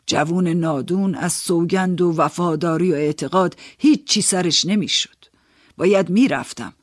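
A man's voice: fairly high pitch, slightly rough, no room sound. Man reading an audiobook, dry close sound. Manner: measured, storytelling, first-person. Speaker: narrator. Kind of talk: audiobook narration.

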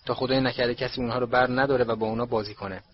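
A man's voice: mid-range voice, flat delivery, breathy edge, close to an everyday voice. A man voicing a kindly middle-aged father who patiently explains things in a storybook reading. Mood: earnest. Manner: earnest, explaining. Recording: dull lo-fi recording.

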